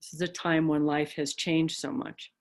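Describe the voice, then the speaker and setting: A woman's voice: low voice, level tone, moderate pace. A woman dharma teacher giving a reflective talk, telling stories with casual fillers.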